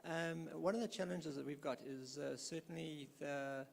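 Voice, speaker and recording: A man's voice: a little high, normal speed, gravelly, a little hiss or hum. A man from KwaZulu-Natal, a hospital developer in a conference audience, speaking hesitantly with many fillers and restarts. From South Africa, KwaZulu-Natal. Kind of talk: audience question at panel. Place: conference hall. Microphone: handheld audience microphone. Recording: hall reverb, faint ambience.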